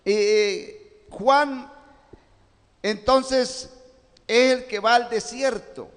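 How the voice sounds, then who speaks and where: A man preaching a sermon as a pastor, speaking slowly and deliberately and swelling louder when he reads scripture aloud. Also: extremely high pitch, fairly even intonation, clear, resonant tone. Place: church sanctuary. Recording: long church reverb, live stream.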